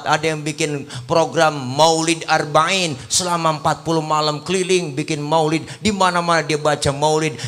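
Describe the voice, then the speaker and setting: A man giving a humorous, lively sermon as a preacher. He often breaks into sung religious chants. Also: a little high.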